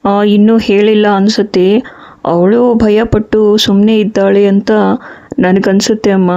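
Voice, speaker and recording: A man's voice: sits high, warm tone. A man playing a hesitant, apologetic young adult son who works in an office, in a home drama. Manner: hesitant, filler-laden, apologetic. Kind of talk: Kannada home drama acting. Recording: slightly dull audio.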